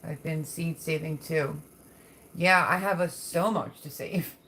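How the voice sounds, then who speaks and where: Lower-pitched chatty woman, noisy livestream. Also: fairly even intonation, unhurried, a bit bright. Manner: chatty, folksy, affectionate with viewers. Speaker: livestream host. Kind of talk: casual live chat, reading and answering viewer comments.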